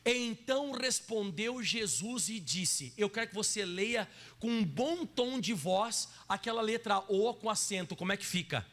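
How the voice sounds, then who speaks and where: Male pastor, Brazilian accent; lively, emphatic sermon delivery, calls the crowd brother. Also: high-pitched, measured pace. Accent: Brazilian Portuguese. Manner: emphatic, keeps addressing the congregation as brother.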